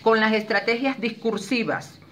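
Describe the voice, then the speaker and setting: Expressive woman teaching in an echoey room. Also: fairly high pitch, moderate pace, recorded from a distance, a little hiss or hum. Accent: Spanish. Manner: expressive, demonstrates vowels and intonation. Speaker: public speaking instructor. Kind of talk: teaching a workshop.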